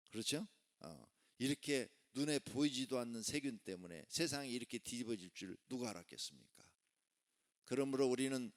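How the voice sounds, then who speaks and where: A male pastor preaching a sermon, emphatic and conversational, often putting rhetorical questions to the congregation. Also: on the low side. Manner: conversational asides mixed with proclamation. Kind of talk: sermon at a Friday worship service.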